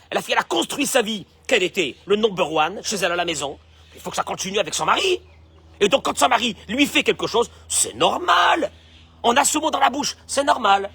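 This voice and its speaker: A man teaching as a rabbi, with a bright, high voice that rises and falls a lot and a strongly husky tone. He mimics the people he criticizes and asks the same question again and again to press his point. The sound is dry and close. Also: no echo. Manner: lively, acts out the complaining voices he describes; fond of rhetorical questions and repeating phrases. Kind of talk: Torah lesson in French with Hebrew quotations.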